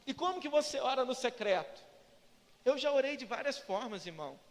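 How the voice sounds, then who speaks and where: Preaching at a fairly quick pace, a Brazilian-accented male pastor uses a notably high voice and dramatizes prayers and short dialogues. His lively sermon keeps inviting answers from the congregation as the sanctuary's long reverb rings around him.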